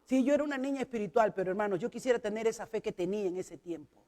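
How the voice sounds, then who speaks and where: A woman's voice: mid-range voice, very fast, warm tone, in a large hall. A woman with a Peruvian Spanish accent preaching a sermon, telling a personal testimony to her congregation in an earnest way. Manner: earnest, storytelling, addresses the congregation as brothers. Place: church hall.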